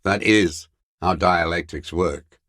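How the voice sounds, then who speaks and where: An actor playing a bitter, contemptuous old communist deserter in a video game, ranting like a zealous ideologue. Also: male voice, low-pitched, fairly bright tone, no room sound, clean studio sound. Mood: grudging. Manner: slow, contemptuous, doctrinaire ranting. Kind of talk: video game character dialogue.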